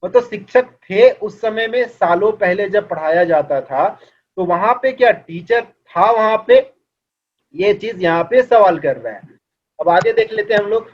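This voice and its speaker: A man teaching an English lesson online, explaining in Hindi and reading English lines slowly while asking his students questions. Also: high voice, animated. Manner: asks students questions as if in class. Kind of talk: online class lecture. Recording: dull lo-fi recording.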